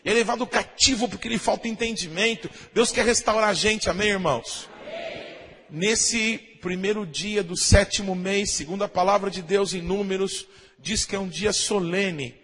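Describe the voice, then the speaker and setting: A Brazilian pastor preaching a sermon, often asking the congregation "amém?" and imitating shofar blasts. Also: male voice, high-pitched, normal speed, fairly bright tone, slightly rough, long reverb tail. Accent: Brazilian Portuguese.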